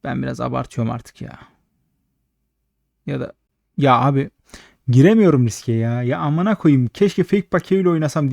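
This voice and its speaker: Late at night, a man with a mellow, mid-range voice gives casual, frustrated slot commentary, talking straight at the machine and swearing constantly. He sounds slightly hoarse, and the studio-quality audio has no echo.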